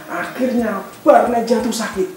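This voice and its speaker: A woman telling a Bible story to children at an online church service, gently asking them questions along the way. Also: on the high side, fairly even intonation, measured pace. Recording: echoey room with music behind.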